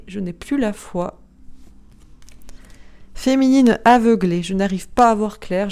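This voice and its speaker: Woman, slightly high and mellow, reading card meanings aloud one by one. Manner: names each card, then reads its short first-person message plainly. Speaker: oracle card reader.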